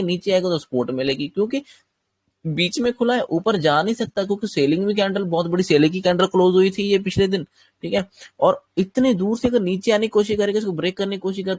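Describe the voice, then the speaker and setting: Husky-voiced man teaching trading. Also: high voice, darkish tone, no room sound. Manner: explanatory, often checks understanding. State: slightly sore throat. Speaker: trading instructor. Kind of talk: chart-based lesson.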